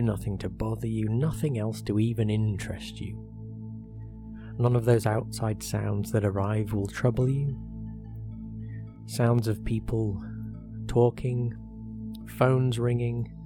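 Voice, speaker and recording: Soothing man guiding hypnosis over music. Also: lowish voice. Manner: soothing, measured, with short phrases and pauses. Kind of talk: guided hypnosis meditation. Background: meditation music.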